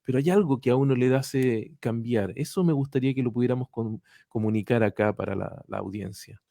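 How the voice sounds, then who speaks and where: A man runs the interview, his questions wandering and circling back as he restarts them. His voice sits at a mid pitch and sounds dry and close, with no room around it. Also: fairly quick, vocal fry, mellow, dry recording. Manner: rambling, repeats himself and restarts.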